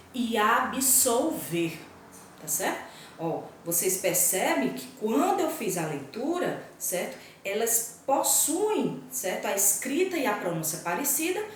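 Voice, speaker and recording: A woman's voice: mid-range voice, far from the mic, slight background noise. Woman teacher in an echoey room. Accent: Brazilian Portuguese. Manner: patient, checks in with "certo?" and "tá?". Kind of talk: grammar lesson to students.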